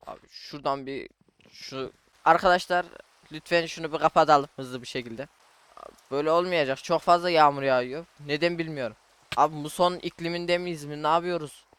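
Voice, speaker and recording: A young man chats casually to himself and his viewers while commenting on his own Minecraft playthrough, often saying "abi" and "arkadaşlar." He's a gaming YouTuber whose voice sits on the high side, a bit bright with a clean tone.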